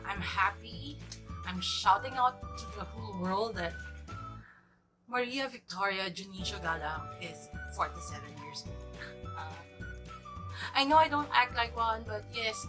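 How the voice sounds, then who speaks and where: Chatty woman in her forties. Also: medium pitch. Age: 40s. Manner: chatty and rambling, upbeat. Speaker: vlogger and teacher. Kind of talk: casual vlog chat to camera. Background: background music.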